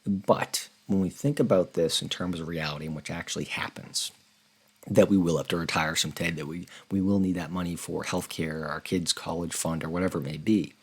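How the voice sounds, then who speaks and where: A man's voice: sits low, husky. A man hosting a personal finance channel, explaining figures from a spreadsheet in an earnest, conversational way. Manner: earnest, conversational, repeats words when rephrasing. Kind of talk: casual explainer walking through a spreadsheet.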